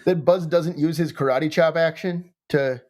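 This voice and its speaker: A podcast guest in casual chat who often restarts and repeats words, with quick laughs. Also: medium pitch, fairly even intonation, a little mellow.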